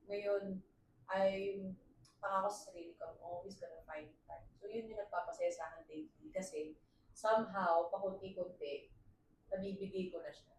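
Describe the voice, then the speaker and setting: A woman's voice: mid-range voice, moderate pace. A woman, co-hosting a podcast in casual chat and laughing often as she mixes English into her talk. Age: 30s. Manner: animated, laughing, switches between Tagalog and English. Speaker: podcast co-host. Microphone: failing microphone, speaking loudly. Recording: echoey room, distant mic, faint hiss.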